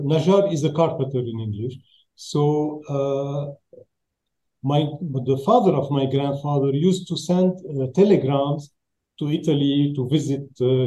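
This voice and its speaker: Man, Lebanese accent, very dark mellow tone, halting conversational storytelling, echoey room. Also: mid-range voice. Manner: halting, searches for English words. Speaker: interview guest, roofing business owner.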